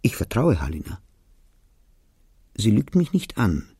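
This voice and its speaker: A man reading a novel aloud for radio, telling the story quietly and evenly in the first person. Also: lowish voice, wildly swooping pitch, a little slow, slightly rough, no echo, studio quality. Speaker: narrator. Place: radio studio.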